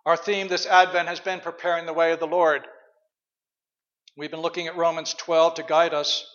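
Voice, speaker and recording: A male pastor giving a sermon in a church, conversational and reflective, often pausing on fillers. His voice sits somewhat high for a man. The recording is dull and lo-fi. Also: level tone, a bit bright, in a large hall.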